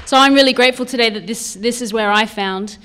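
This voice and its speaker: With a crowd and a noisy background behind her, a woman speaks at a quick pace in a slightly high voice. She's in her thirties, from Sydney, with an Australian accent slightly mixed with Canadian, and she's a guest speaker at a recovery convention, talking informally, candidly and with light humour.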